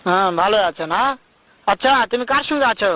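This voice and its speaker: Guy w a super high sharp voice, fast angry swearing comedy dub, totally dry close mic. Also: animated, no echo, muffled recording. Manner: angry cursing tirade. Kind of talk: comedic phone-call dub.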